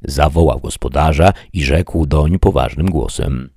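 A man reading a classic novel aloud as an audiobook narrator, in a measured storytelling way. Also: extremely low pitch, gravelly, a little mellow, husky, no room sound, studio quality.

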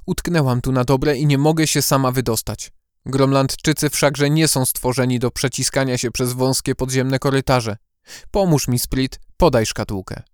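A man's voice: medium pitch, sing-song, moderate pace, few pauses, a little mellow, no echo, studio quality, natural voice. A man voicing a clever female owl-like warrior who hoots, coaxes and stays firm in an audiobook. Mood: wheedling. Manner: hooting, coaxing, firm. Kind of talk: audiobook character voice.

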